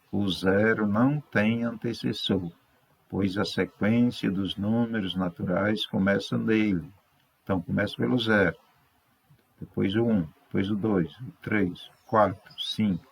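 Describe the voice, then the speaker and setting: Brazilian man, teacher; low, slow, patient, stretches syllables. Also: steady tone, creaky, breathy edge. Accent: Brazilian Portuguese. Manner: patient, checks in with "né?" and "ok?". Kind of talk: correcting third-grade exercises.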